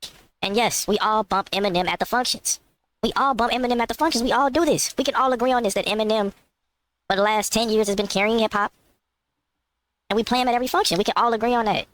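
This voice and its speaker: A man's voice: sits high, fast talker, fairly bright tone. A man delivering a mock-serious comedy monologue, insisting on absurd claims. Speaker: skit comedian.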